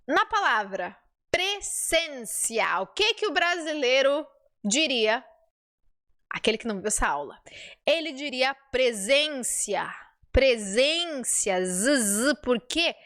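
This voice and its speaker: A woman with a southern Brazilian accent gives a pronunciation lesson. She repeats single sounds and words so the learner can follow along. Her voice sits a little high, and she speaks slowly and deliberately. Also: very animated, bright, forceful tone. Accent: southern Brazilian Portuguese. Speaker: Spanish teacher.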